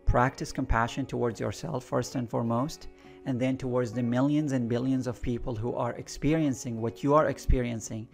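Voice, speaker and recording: A man's voice: mid-range voice, steady tone, a little fast, creaky, a little mellow. A man born and raised in Iraq, hosting his own channel as an energy intuitive. He gives an earnest spiritual monologue, repeats key phrases and calls his listeners "guys.". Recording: faint guitar music underneath.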